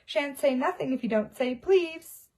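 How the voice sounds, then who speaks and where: A woman doing a shrill cackling poltergeist. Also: expressive, unhurried, a little mellow. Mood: gloating. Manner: shrill sing-song taunting. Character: cackling mischievous male poltergeist, gleeful. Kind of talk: audiobook character voice.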